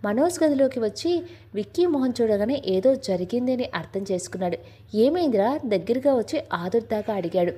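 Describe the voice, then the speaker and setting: A woman storyteller reading a scripted romantic story aloud in a steady, even way. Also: a little high, a little fast, husky.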